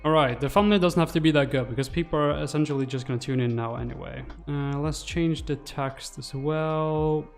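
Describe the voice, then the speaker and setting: A man in his twenties casually hosts a livestream while working in a small indoor room, muttering his thoughts aloud close to a desk microphone. His voice is fairly high and gravelly, moving at a normal speed with hardly any pauses. Faint music plays behind him.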